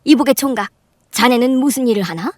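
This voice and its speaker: A woman playing a shrill, sneering middle-aged aunt. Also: expressive, fairly quick, dry recording, studio quality, natural voice. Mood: mocking. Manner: sneering, loud and incredulous, high-pitched outbursts. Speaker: voice actor. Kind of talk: Korean radio drama acting.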